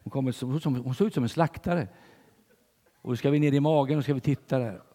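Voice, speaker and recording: An older man preaching a sermon in church, telling stories with big swings between loud and hushed delivery. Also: medium pitch, in a large hall.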